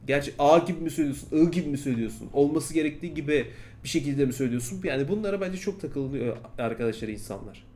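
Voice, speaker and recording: A man who teaches English, speaking in a relaxed podcast style. He talks conversationally, circling back to restate the same point in new words. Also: on the high side, very fast, a little hiss or hum. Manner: conversational, repeats and rephrases points. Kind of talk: casual podcast-style talk.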